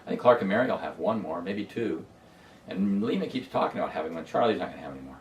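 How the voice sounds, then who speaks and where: A man's voice: low-pitched, animated, quick pace. A man in his sixties chatting casually at home, easygoing and reflective. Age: 60s. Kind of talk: casual chat. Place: home living room. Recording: distant mic, faint room noise.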